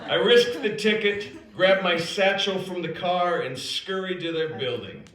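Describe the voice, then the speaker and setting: On stage in an indoor performance space at an acting institute, a man from South Dakota in the United States performs a scripted comic story from his own life. He goes slowly, with dramatic pauses, lively pitch swings, and a wry, self-deprecating delivery. The live recording is roomy and echoing, with slight background noise.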